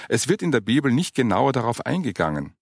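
A man voicing a patient woman who explains matters of faith, in an earnest, gentle manner. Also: medium pitch, sing-song, fast, creaky, no echo, clean studio sound, pitched above the performer's own voice. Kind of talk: audiobook character reading.

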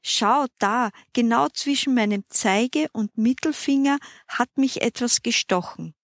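Lady reading as a stung little girl, kinda whiny, slow, slightly high voice. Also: no echo, clean studio sound. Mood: plaintive. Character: young girl stung by an insect.

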